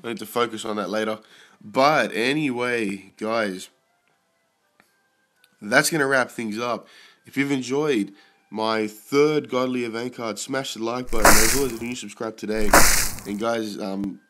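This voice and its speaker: Unhurried and medium-pitched, a young man casually comments on his mobile game pulls with faint music playing behind. He's sick and keeps clearing his throat, swearing excitedly whenever a result is good.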